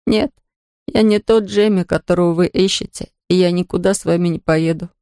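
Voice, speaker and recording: A reader voicing a bedridden orphan boy in an audiobook, speaking quietly, firmly and gloomily. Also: medium pitch, steady tone, brisk, dry recording, clean studio sound, natural voice. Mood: stubborn sad. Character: sick orphan boy, proud and stubborn. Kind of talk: audiobook character voice.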